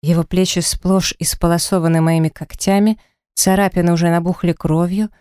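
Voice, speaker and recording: A woman narrating a first-person audiobook in an expressive, dramatic storytelling manner, recorded in a studio. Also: fairly low pitch, normal speed, smooth, no echo.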